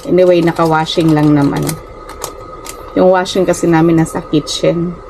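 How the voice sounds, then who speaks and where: A Filipino-accented woman vlogger raised in the Philippines chats casually with her viewers from a small rented room at home, often calling them "guys" and sometimes tripping over her words. Her voice is lowish, warm, and level, at a moderate pace. The low-quality recording carries slight background noise.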